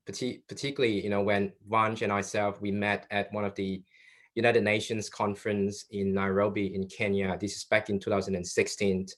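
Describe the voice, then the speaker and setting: Chatty man hosting a webinar. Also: lowish voice. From Malaysia. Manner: loose and conversational, with many ums and restarts. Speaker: webinar co-moderator.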